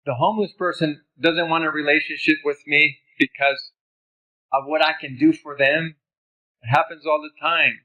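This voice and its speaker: A man's voice: mid-range voice, pushed and bright, lo-fi sound. A man who grew up in Honduras, teaching about ministry in a conversational lecture over slides, with personal stories.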